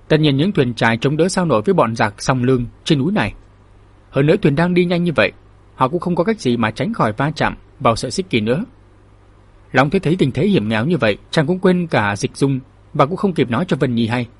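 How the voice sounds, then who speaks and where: A male storyteller narrates a martial-arts novel in a steady, measured way. His voice is husky and of middle pitch. The sound is dry and close. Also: no echo. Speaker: storyteller, channel host.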